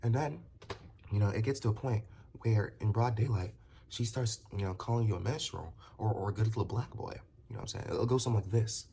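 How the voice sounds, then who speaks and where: With a fairly low, dark-toned voice at a brisk pace, a young vlogger rambles casually to the camera. He frequently stammers and starts over, uses lots of fillers, and turns heated and emphatic making his case. There's a little hiss or hum.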